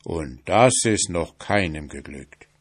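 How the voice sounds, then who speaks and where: A huge, stern giant from a fairy-tale audiobook, speaking loud and commanding in a low voice. A man acts him out. He talks slowly and heavily, as if each word weighs a lot. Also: expressive, husky, exaggerated voice. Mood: warning.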